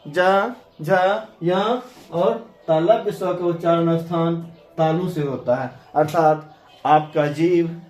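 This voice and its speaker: Slow, deliberate male teacher in an echoey room. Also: fairly high pitch, darkish tone. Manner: slow, deliberate, sounding out letters one by one. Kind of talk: classroom grammar lesson. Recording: echoey room with faint ambient noise.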